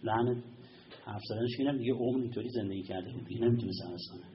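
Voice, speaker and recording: A male preacher telling a story in a sermon, building to loud emphatic appeals and quizzing the audience, recorded from far off in an echoey room. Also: medium pitch, lo-fi sound, slight background noise.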